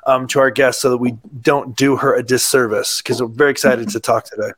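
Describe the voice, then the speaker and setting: A man's voice: mid-range voice, fairly even intonation, fairly quick, fairly bright tone, no room sound. A man hosting a podcast in a casual, chatty style. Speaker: podcast host.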